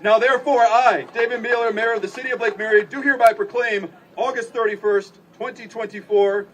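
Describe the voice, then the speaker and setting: A man's voice: very high-pitched, fairly even intonation, fairly quick, a bit bright. A man reading a formal civic proclamation as a commissioner, with emphatic public-address delivery from an outdoor stage. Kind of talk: formal ceremonial proclamation speech. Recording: distant outdoor PA with background noise.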